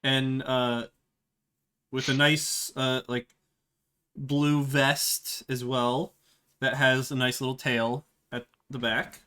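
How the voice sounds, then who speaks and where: Male game master, slow and halting, lots of fillers. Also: medium pitch, level tone, bright, forceful tone, clear, resonant tone. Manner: halting, many fillers and restarts, laughs at himself. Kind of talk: narrating a tabletop game.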